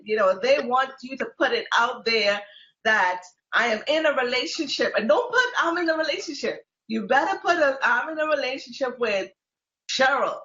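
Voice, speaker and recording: A woman hosts a casual talk show, playful and teasing as she draws out her guests. Her voice is high and bright. The sound is roomy and a little dull. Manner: playful, teasing, laughs often. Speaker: host.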